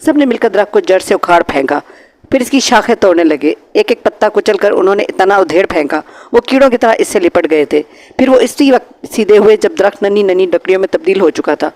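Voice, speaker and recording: A man reading a horror novel aloud in a dramatic, measured audiobook narration. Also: high voice, animated, darkish tone.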